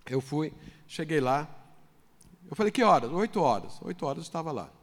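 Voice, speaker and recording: A man pastor telling a personal story in a sermon, then building to loud, fervent preaching. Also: a little high, lively intonation, moderate pace. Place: church hall. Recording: long hall reverb.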